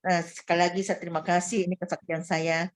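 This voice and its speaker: A woman recovering from illness, telling her personal faith testimony to a church group with animated retelling of her prayers and frequent restarts. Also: on the low side, quick pace, poor audio. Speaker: church member giving testimony.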